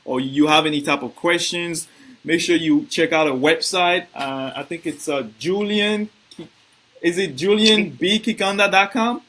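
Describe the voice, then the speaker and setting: Bright-voiced man hosting a live stream. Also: on the high side, a little hiss or hum. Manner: hesitant, halting questions with many fillers. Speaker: host of a live video interview. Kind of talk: casual live-stream interview.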